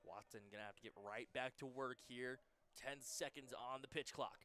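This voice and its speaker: A young man in his twenties calling a college baseball game live on radio, giving brisk pitch-by-pitch calls that lift on big plays. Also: bright, forceful tone. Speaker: play-by-play announcer.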